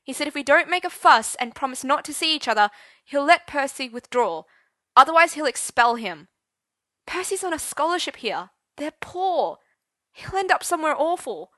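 A woman voicing an anxious teenage schoolboy who pleads in a high-strung, panicked way. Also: fairly quick, hardly any pauses, bright, forceful tone, husky, no echo, clean studio sound. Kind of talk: audiobook character voice.

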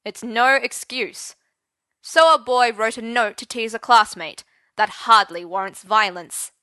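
Cold older headmaster, voiced by a woman: slow, softly threatening, tense. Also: medium pitch, animated, no room sound. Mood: dismissive. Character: menacing older male headmaster, cold and controlling. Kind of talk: audiobook character voice.

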